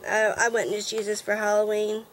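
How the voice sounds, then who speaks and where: A middle-aged woman who gushes with excitement and thanks the sender over and over as she unboxes swap gifts in a casual chat. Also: medium pitch, brisk, slight background noise, poor audio. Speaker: nail art vlogger opening a swap package.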